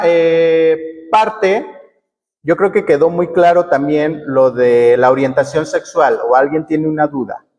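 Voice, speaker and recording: A woman's voice: fairly low pitch, darkish tone. Woman, Mexican accent, workshop facilitator, explanatory, asks the room questions, long hall reverb. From coast of Oaxaca, Mexico. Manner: explanatory, checks in with listeners by asking questions. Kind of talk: teaching a workshop.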